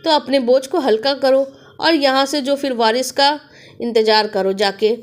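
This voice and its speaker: A woman voicing a tall veiled witch from a cremation ground, loud and mocking in a storybook tale. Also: high-pitched, moderate pace, lightly acted. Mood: taunting. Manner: loud, cackling, taunting.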